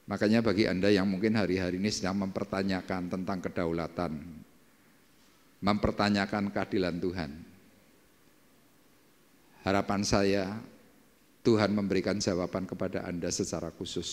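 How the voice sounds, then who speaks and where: Low-voiced pastor preaching. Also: male voice. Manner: dramatic, swinging between hushed and emphatic. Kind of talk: sermon with storytelling. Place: church service hall. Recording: echoey church hall with faint music.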